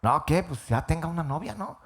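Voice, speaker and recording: A man's voice: fairly high pitch, lively intonation, a little fast, gravelly, a bit bright, slightly rough, heavily acted. Brief: a preacher doing his own pushy dad in a retold anecdote. Blunt, teasing, nags without letting up, close to the speaker's own everyday voice. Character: the speaker's teasing, worried middle-aged father.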